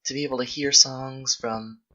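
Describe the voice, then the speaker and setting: At a moderate pace with fairly even intonation, a young adult video host speaks in a mid-range, bright, forceful voice on lo-fi audio. They answer viewer questions while gaming, rambling casually, thinking aloud and frequently self-correcting.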